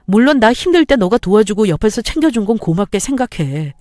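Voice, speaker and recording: A woman voicing a cheating, resentful husband who shouts and sneers, in a story-radio reading. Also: mid-range voice, very animated, brisk, dry recording, clean studio sound, close to an everyday voice. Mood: sneering.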